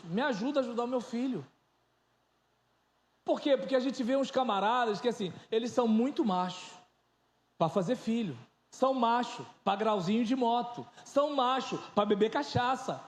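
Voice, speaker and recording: A man in his thirties preaching an informal, joking sermon, swinging between loud and soft. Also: very high voice, echoey room. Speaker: pastor.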